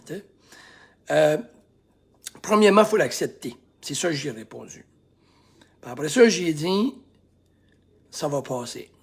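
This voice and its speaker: A Québécois man with a very husky, breathy voice, pitched a little above most men, speaks as a life coach in a motivational talk to camera. He punches key phrases loudly, then drops to a hushed, almost whispered calm. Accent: Québécois French. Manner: swings between loud emphatic bursts and hushed near-whispers.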